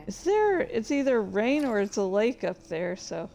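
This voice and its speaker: This livestreamer has a fairly high, gravelly yet mellow voice that swings widely in pitch at a measured pace, with a faint hiss or hum behind her. She chats loosely while gaming, calling out what she's doing and exclaiming along the way.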